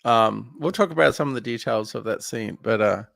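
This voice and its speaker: A man's voice: lowish voice, fairly quick, creaky, fairly bright tone, no room sound. A man co-hosting a casual film podcast, recapping scenes in a rambling way with lots of fillers. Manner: rambling recap with many fillers, laughs easily. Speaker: podcast co-host.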